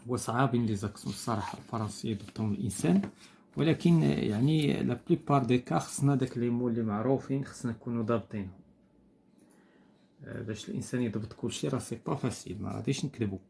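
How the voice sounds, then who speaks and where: Patient Moroccan teacher explaining word by word. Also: male voice, medium pitch, rapid-fire, vocal fry, a little mellow, slight background noise. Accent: Moroccan Arabic. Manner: patient, repeats each word, hesitant fillers. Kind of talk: explaining a French textbook exercise.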